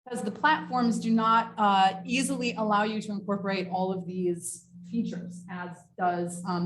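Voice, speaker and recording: A woman with a medium-pitched voice leads a workshop, explaining things informally in a semi-scripted training presentation with off-the-cuff asides. A little hiss or hum sits in the recording.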